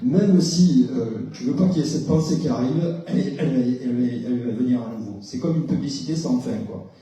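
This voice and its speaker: Very dark-voiced man lecturing in an echoey hall. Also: mid-range voice, a little fast. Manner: explanatory, questions the audience, many hesitations. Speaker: psychologist giving a talk. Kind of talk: conference talk with audience exchange. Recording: very echoey hall, distant mic.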